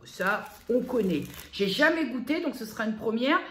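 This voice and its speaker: A fairly high-pitched woman talks casually in a home vlog, reading product labels aloud and stopping often with fillers. The room gives her voice a clear echo. Her delivery is relaxed and chatty. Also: normal speed, slight background noise. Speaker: vlogger.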